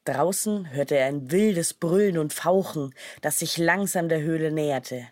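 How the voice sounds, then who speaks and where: Brief: calm woman narrator for a children's storybook, low voice, dry close sound. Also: dry recording. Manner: calm and measured.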